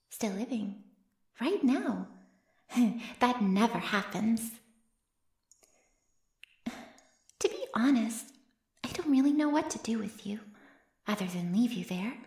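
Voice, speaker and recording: A woman with a slightly high voice plays an ancient, predatory female vampire in an intimate ASMR roleplay, smugly and playfully menacing her captive. She murmurs coyly and breathily, often sinking to a whisper, in a roomy, cave-like echo.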